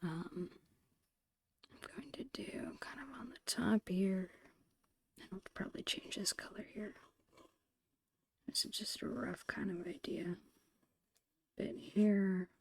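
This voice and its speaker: A woman whispers breathily in ASMR style, casually thinking aloud in short phrases while narrating her own digital painting. Her mid-range voice is slow with long pauses, and there's no room sound.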